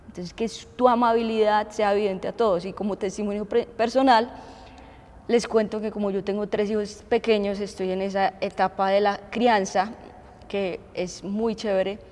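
A woman in her thirties with a Colombian accent, preaching a sermon in an animated way and asking the congregation questions. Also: mid-range voice, long reverb tail. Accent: Colombian Spanish. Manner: animated, asks the audience questions, acts out shouting.

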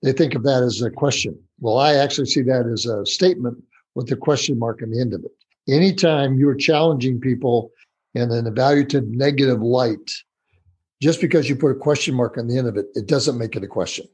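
A man with a husky voice at a middle pitch lays out his ideas in a measured way. He builds his points through strings of rhetorical questions. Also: darkish tone. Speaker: co-host. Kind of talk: conversational podcast talk on communication.

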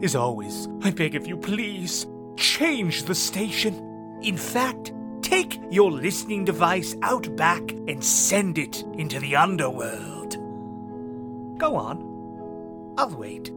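A campy horror host over music. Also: male voice, fairly high pitch, big pitch swings. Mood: gloating. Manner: hammy, mock-sinister, slow and drawn out. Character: theatrical male horror radio host, gleefully macabre. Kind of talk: campy horror radio drama narration. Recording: music playing under the voice.

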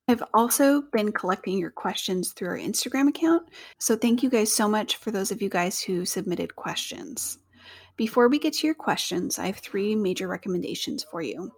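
A woman's voice: medium pitch, gravelly, breathy edge. A woman co-hosting a teaching podcast from home, talking in a chatty, informal, self-deprecating way. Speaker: podcast co-host, science teacher. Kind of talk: casual solo podcast talk. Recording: uneven home audio, edited.

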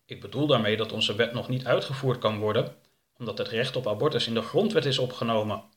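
A man's voice: medium pitch, a little fast, natural voice. A man voicing a self-assured older male politician in a storybook reading, earnest and self-satisfied.

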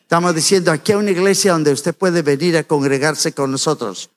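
A man with a high-pitched voice gives a sermon in a church. He keeps it light and jokey, talking straight to the congregation in a chatty way. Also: fairly even intonation, a little fast. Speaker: church speaker. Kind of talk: humorous sermon. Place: church sanctuary.

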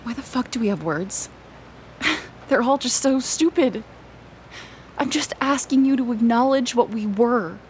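A woman's voice: fairly high pitch, a little slow, pauses often, a little mellow, a little hiss or hum, close to an everyday voice. A woman acting an earnest, wounded young best friend in an audio drama, speaking with emotional insistence. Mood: pleading, tender.

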